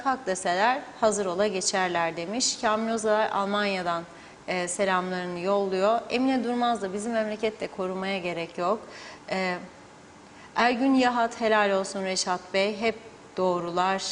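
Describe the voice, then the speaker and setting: A woman TV presenter reads viewer messages in a measured, steady voice. The studio adds a long reverb tail, and faint background noise sits beneath her. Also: mid-range voice. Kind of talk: reading viewer messages on air.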